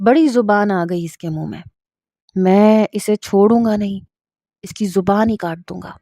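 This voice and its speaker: A woman's voice: medium pitch, warm tone, no echo, clean studio sound, lightly acted. A woman voicing a harsh, short-tempered rich husband who threatens and scorns in a spoken story. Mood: scornful.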